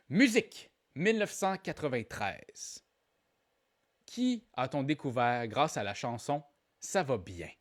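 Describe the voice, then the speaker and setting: A man's voice: mid-range voice, a bit bright. A man with a Québécois accent hosting a live online trivia game, playful and joking, repeating each question aloud and calling out players. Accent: Québécois French. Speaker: trivia quiz host.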